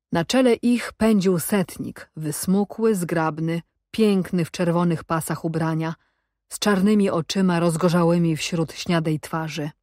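A woman narrating an audiobook in a measured, even storytelling manner. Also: lowish voice, dry recording, clean studio sound. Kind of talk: scripted narration.

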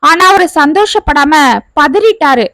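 A woman's voice: sits high, a little slow, fairly bright tone, no echo, poor audio. A woman voicing a hurt young wife. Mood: aggrieved.

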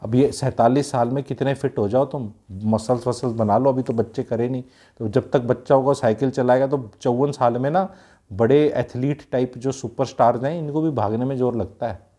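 A man from Haryana, India, gives young people blunt advice in a casual talk, mixing in English phrases and posing rhetorical questions. His mid-range, mellow voice moves at a moderate pace with fairly even intonation.

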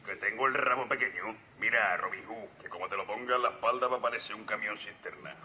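Low-voiced crude tough bulldog. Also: male voice, brisk. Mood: taunting. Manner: menacing, vulgar taunting. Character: crude tough male bulldog, menacing and boastful. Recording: cartoon soundtrack played in hall, loud music.

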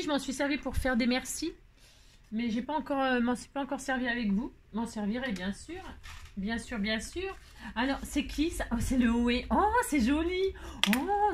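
Chatty exclamatory woman opening mail. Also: on the high side. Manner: chatty, exclamatory, with many fillers; talks to the crafts she unpacks. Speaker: craft channel host. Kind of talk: casual chat while opening mail.

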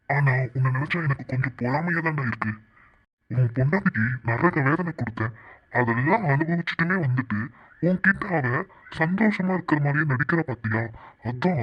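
A man voicing a gloating male villain in a cartoon, taunting his rival with slow, sneering threats. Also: a little high, husky. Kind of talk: cartoon voice acting. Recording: dull lo-fi recording.

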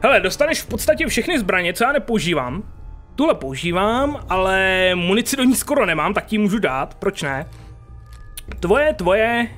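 Lively high-voiced man joking through a game. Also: soft background music. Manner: chatty, joking, swears at enemies. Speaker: gaming youtuber. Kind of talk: casual let's play commentary.

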